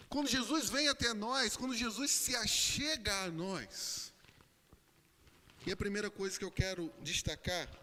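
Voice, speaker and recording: A man with a Brazilian Portuguese accent preaching a sermon in church, swelling loud on emphatic phrases and dropping low and soft on others. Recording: long reverb of a church hall.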